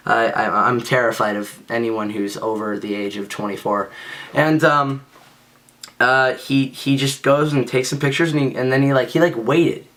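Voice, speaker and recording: Young guy, casual storyteller, rambling and self-deprecating, mid-pitched voice. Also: fairly bright tone. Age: young adult. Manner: rambling and self-mocking, with frequent fillers. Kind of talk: casual spoken anecdote.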